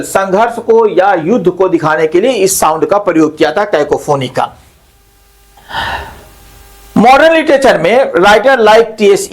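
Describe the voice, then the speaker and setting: Male lecturer, high voice, deliberate pace, pauses and corrects himself while explaining. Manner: slow, explanatory, repeats terms and translates each into Hindi; frequent hesitation fillers and self-corrections. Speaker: English literature teacher. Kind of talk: classroom lecture mixing Hindi and English.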